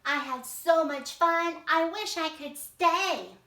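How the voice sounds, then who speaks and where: A woman voicing a cheerful young male alligator, speaking in an excited, high, drawn-out way during a read-aloud. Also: heavily acted. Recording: echoey room, mic at a distance.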